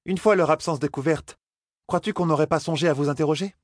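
A man's voice: on the high side, fast, no echo, clean studio sound, pitched above the performer's own voice, natural voice. A man voicing a haughty, short-tempered woman sorceress in an audiobook. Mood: stern. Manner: stern and commanding.

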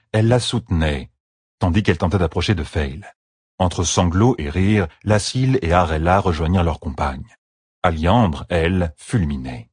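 A man reading a fantasy audiobook in a measured, expressive narration. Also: deep voice, breathy edge, no echo, studio quality.

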